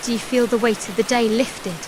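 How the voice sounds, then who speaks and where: A woman playing a tender, doting partner in a soft ASMR role-play, speaking in a soothing, intimate, hypnotic manner. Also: on the high side, fairly even intonation, a little fast, background noise. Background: rain.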